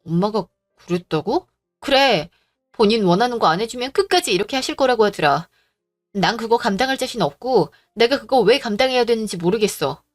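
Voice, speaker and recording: A woman's voice: on the high side, expressive, brisk, dry recording, clean studio sound, faint music behind. A young woman reading a bride-to-be's lines in a storybook drama, firm and exasperated. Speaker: narrator voicing a bride-to-be.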